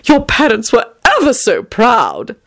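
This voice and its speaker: Lady putting on a dramatic fussy dandy guy, plummy and sighing, swoops up high a lot. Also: wildly swooping pitch, heavily acted. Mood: gushing. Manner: plummy, affected, drawn-out sighs and exclamations. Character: flamboyant theatrical adult man, fussy and dramatic. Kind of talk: audiobook character voice.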